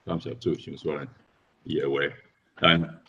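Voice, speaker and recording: Very low male voice, measured scripture reading, dull lo-fi sound, faint hiss. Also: little pitch movement, bright, forceful tone. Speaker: church elder leading worship. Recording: dull lo-fi recording with faint noise.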